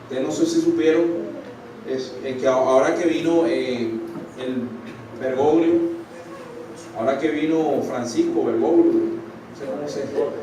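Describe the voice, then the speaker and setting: A man's voice: mid-range voice, measured pace, pauses often. A man preaching a sermon to his congregation, often asking them "right?" and breaking off to restart his sentences. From Colombia. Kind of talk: church sermon. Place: church hall. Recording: very echoey church hall, distant mic, room noise.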